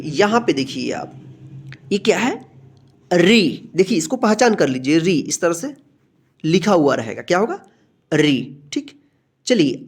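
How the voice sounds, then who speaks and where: A woman teaching a beginner alphabet lesson, patient and repetitive, who draws out each letter sound and checks in with her students again and again. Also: mid-range voice.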